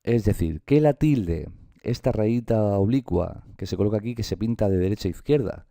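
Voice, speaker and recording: A man gives a patient grammar lesson in a dark, mellow, somewhat low voice. He checks in often with his listeners and drags out example words slowly to show where the stress falls. The sound is dry and close, with little room echo. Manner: patient, explains step by step with frequent "¿vale?". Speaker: language teacher. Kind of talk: classroom explanation to camera.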